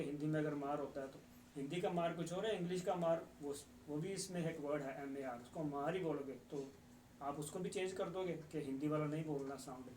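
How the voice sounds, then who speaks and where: A man teaching English in a patient, explanatory way, slowing down for English phrases. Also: on the high side, darkish tone, slight background noise. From Punjab. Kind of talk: explanatory lesson. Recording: echoey, distant room mic with faint ambience.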